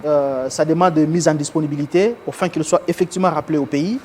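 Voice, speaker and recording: A man from Congo, a guest in a televised interview, speaking in formal, measured phrases and often repeating himself. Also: on the high side, fairly even intonation, darkish tone, slight background noise. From Congo (DRC).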